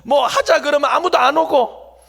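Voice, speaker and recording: A man's voice: extremely high pitch, normal speed, fairly bright tone, big-room sound, pitched above the performer's own voice. A man voicing a proud elderly woman Sunday school teacher who complains in a plaintive tone. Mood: hurt, plaintive.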